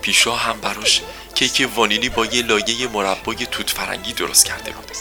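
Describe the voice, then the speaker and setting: A man narrating a children's story in a gentle storytelling manner. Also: fairly low pitch, steady tone, music in the background.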